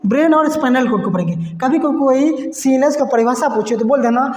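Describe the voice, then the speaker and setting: A man's voice: very high voice, fairly quick, roomy sound, big-room sound. A man teaching biology to students, repeating key terms, quizzing the class and mixing in English phrases. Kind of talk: classroom lecture.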